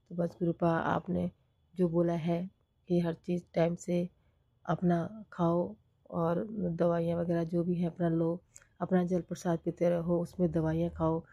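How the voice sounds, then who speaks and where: A middle-aged woman with a hoarse voice from a cold, sharing a devotional gratitude testimony and repeating her prayerful thanks again and again. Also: fairly low pitch, mellow, no room sound, dull audio.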